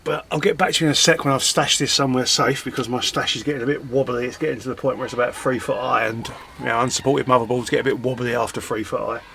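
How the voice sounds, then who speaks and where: Fast and forceful, this man's mid-range voice is steady, gravelly and bright, with hardly any pauses and slight background noise. A scrapping vlogger, he chats casually and jokes at his own expense while stripping old computer parts in his garage, muttering as he goes.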